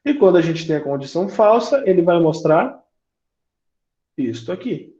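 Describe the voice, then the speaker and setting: A man's voice: sits high, animated, moderate pace, warm tone. Brazilian man teaching code, roomy lo-fi sound. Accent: Brazilian Portuguese. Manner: patient, asks the class questions, many filler tags. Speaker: programming teacher. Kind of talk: live online coding class.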